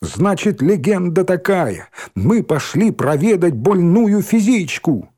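A man voicing an eager, quick-witted schoolboy who speaks in ringing, excited exclamations. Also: sits high, husky, pitched above the performer's own voice, full character voice.

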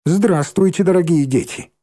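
A man voicing a menacing teenage bully boy who speaks with oily mock-politeness and drawn-out words. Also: a little high, warm tone, voice pushed up, natural voice.

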